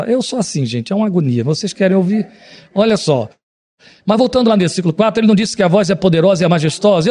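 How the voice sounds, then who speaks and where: A middle-aged man, preaching a sermon as pastor, swinging between raised exclamations and low, solemn passages. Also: a little mellow.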